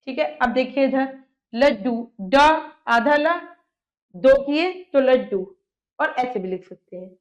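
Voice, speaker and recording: A woman's voice: sits high, lively intonation, slow pace, highs cut off. A woman teacher giving a grammar lesson, sounding out letters one by one and often checking in with her students. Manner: often checks in with "theek hai".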